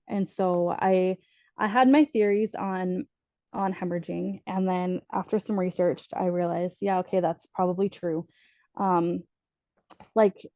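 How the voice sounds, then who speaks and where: A woman on a podcast sharing a personal story earnestly, pausing often with ums and restarting her sentences. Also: on the low side, mellow, no echo, lo-fi sound. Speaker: podcast guest telling her birth story.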